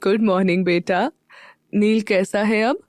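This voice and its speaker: A woman's voice: medium pitch, steady tone, measured pace, darkish tone, no room sound, studio quality, lightly acted. A woman voicing an affectionate, worried elderly grandmother in an audio story. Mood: fond worried. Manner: fond, fretful tone.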